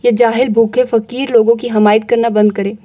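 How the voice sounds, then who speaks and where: Bitter scornful aunt in an audiobook, shouting, higher voice, mellow tone, as a narrator puts her on. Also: level tone, normal speed, natural voice. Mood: furious scorn. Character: angry spiteful woman, bullying aunt.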